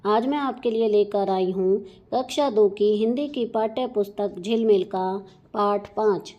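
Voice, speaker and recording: A woman teacher reading a children's story aloud and going through the lesson questions in a clear, careful voice. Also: medium pitch, unhurried, dull audio.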